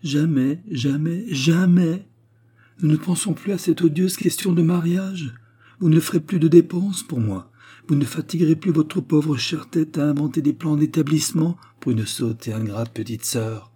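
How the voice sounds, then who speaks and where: A man reading an audiobook voices a joyful, effusive young woman who gushes and exclaims, with a husky edge to his voice. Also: fairly high pitch, moderate pace, dark tone, voice pushed up. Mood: ecstatic. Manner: exclamatory, gushing.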